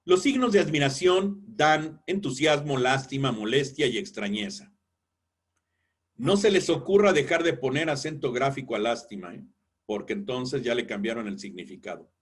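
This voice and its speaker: A man lecturing in a webinar on editorial writing, explaining clearly and acting out example sentences. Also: mid-range voice, animated, moderate pace, faint music behind.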